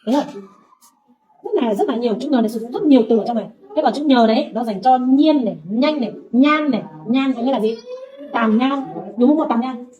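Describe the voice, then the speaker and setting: A woman teaching Vietnamese, patiently saying sounds slowly for her student to repeat. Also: a little high. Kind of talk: pronunciation drill lesson. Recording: dull lo-fi recording.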